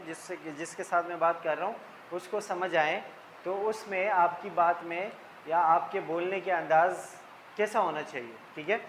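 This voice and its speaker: A male tutor with a high-pitched voice talks through lecture slides. He explains each term in plain, simple words and keeps checking in with his listeners. There is a faint hiss of noise behind him. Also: fairly bright tone, poor audio. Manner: explains terms in simple words, repeats "ठीक है".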